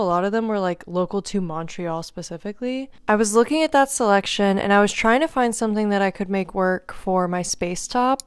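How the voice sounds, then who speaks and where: A woman's voice: medium pitch, smooth, no echo. A young woman talking casually to camera in a chatty, upbeat travel vlog. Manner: chatty, upbeat, thinking aloud. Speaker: vlogger.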